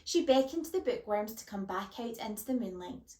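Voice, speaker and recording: A woman reading a children's chapter book aloud as a storyteller, clear and expressive. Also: medium pitch, fairly quick. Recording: roomy echo.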